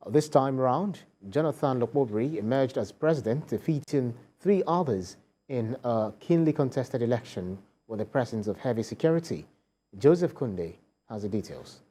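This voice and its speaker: Mellow Nigerian male news anchor. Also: medium pitch, lively intonation, moderate pace. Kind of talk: scripted news reading.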